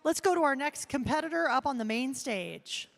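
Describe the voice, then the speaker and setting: A woman with a slightly high voice works as an event host. She speaks in a live interview style, putting questions to a guest. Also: lively intonation, normal speed, vocal fry.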